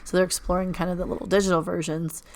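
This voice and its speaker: A woman in her thirties hosts a podcast in a casual, chatty way, her voice a bit hoarse from nearly losing it. She sits fairly low in pitch and fills her talk with relaxed likes and ums. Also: fast. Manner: relaxed, conversational, lots of fillers. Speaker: podcast host. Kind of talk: casual chat.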